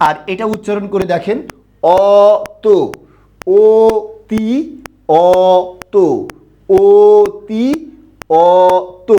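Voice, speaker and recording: A man's voice: high-pitched, a little mellow. A man teaching pronunciation in an online lesson, asking questions and answering them himself, drawing out words to show each sound. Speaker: Bengali grammar teacher.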